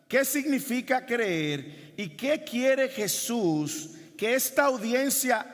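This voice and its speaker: A man's voice: sits high, a bit bright. A male pastor preaching a sermon emphatically, repeating rhetorical questions to the congregation. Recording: long hall reverb.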